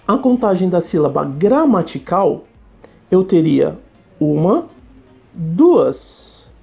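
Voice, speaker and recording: A woman teacher with a Brazilian Portuguese accent, giving a recorded lesson that she explains step by step while asking the class quick questions. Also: fairly low pitch, creaky, mellow. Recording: slightly dull recording with faint music.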